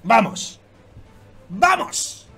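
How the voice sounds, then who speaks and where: A man doing excited reaction commentary, swearing constantly and bursting into shouts. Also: extremely high pitch, drawn-out words, creaky, slightly rough, soft background music. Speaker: YouTube manga reactor.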